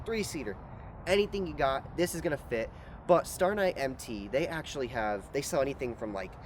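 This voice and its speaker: A man's voice: mid-range voice, noisy background. A man giving an upbeat, slangy product review and install walkthrough in a garage. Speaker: vlogger.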